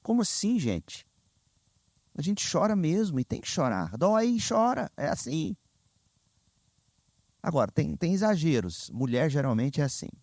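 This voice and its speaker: A Brazilian man preaching a sermon as pastor, telling stories with lively, sudden high exclamations. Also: unhurried, pauses often, no room sound. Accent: Brazilian Portuguese. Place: church sanctuary.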